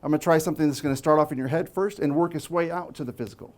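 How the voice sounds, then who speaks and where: A man's voice: on the high side, very fast. A man performing as a stage magician, giving live patter to an audience, teasing volunteers playfully and tagging questions onto his phrases. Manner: frequent tag questions. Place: small theatre stage before a live audience.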